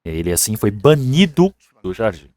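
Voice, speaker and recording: A man's voice: lowish voice, very animated, moderate pace, a little mellow, no room sound. A male pastor preaching a sermon in a church and retelling a story with acted voices.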